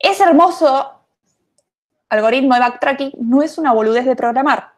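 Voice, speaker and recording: A woman lecturing on programming online, her voice sitting a little high for a woman. She talks loosely and thinks aloud, scattering fillers as she explains. It sounds like a casual remote class over a computer mic. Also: moderate pace.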